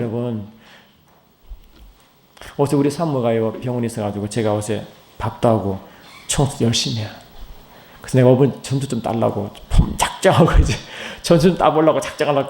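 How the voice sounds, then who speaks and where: A middle-aged pastor preaches a sermon in a church sanctuary, and the room gives his voice a roomy echo. He swings from loud, high, rising calls to low, hushed asides, with some vocal fry, and keeps putting questions to the congregation.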